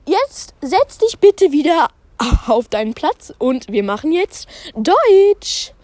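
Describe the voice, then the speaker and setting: Strict, singsong teacher lady, put on by a woman narrator, raised high, slow, bossy. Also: big pitch swings, darkish tone, no room sound, heavily acted. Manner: bossy, singsong classroom commands. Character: strict, cheerful female schoolteacher. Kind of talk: amateur fan audio drama.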